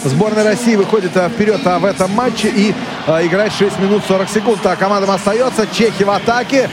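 A middle-aged man describes a hockey match live for listeners. His voice sits high, and his play-by-play is halting, full of stretched hesitations, with music audible behind him. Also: steady tone. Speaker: hockey commentator.

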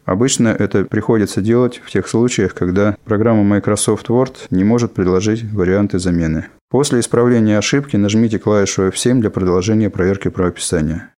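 A man reading scripted instructional narration as an instructor, in a measured, formal manner. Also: lowish voice, a little mellow. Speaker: instructor narrating a software lesson.

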